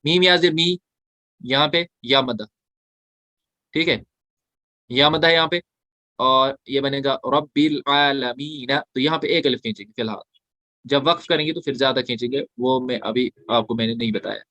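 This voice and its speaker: A man teaching tajweed in an online class, explaining step by step, asking questions and answering them himself, and chanting the verses slowly between explanations. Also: mid-range voice, pushed and bright, no echo. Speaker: Quran recitation teacher.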